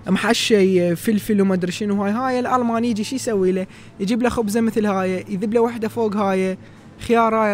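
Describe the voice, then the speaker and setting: A young man in his twenties with an Iraqi Arabic accent, giving chatty, lively tour-guide commentary as a vlogger in a large indoor supermarket, recorded on a handheld phone. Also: high voice, a little hiss or hum. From Iraq. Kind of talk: casual walk-through vlog.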